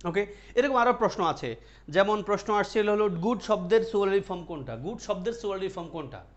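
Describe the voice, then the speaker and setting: A man with a fairly high voice teaches an online grammar class. He explains each point slowly, repeats the key words and puts questions to his students. The audio is muffled and dull. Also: lively intonation. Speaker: English teacher.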